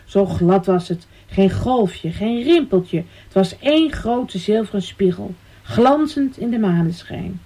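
A woman reading a children's storybook aloud in a soft, lilting manner. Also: mid-range voice, expressive, slow pace, hardly any pauses, slightly rough.

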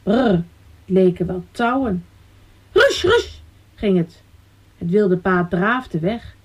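A woman reading a children's storybook aloud in a soft, lilting manner. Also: fairly low pitch, takes it slowly, husky.

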